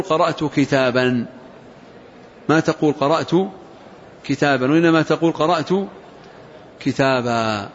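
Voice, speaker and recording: A man teaching a grammar lesson to a class, asking questions and repeating key words slowly for emphasis. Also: on the high side. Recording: muffled recording with faint hiss.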